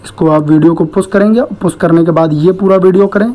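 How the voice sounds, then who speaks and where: A woman with a fairly low, warm and mellow voice teaches shorthand online. She walks through each stroke patiently, one step at a time. She keeps checking in with her students as she goes. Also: steady tone, brisk. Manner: repeats "ठीक है" to check in. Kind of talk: online lesson.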